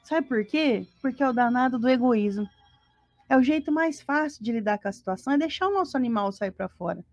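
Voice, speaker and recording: Speaking a little fast in a slightly high, expressive voice, a Brazilian woman co-leads an informal spiritist gospel study on a home live stream. She asks listeners rhetorical questions and acts out everyday scenes, voices included, with sighs of dismay. The recording is muffled with no room sound.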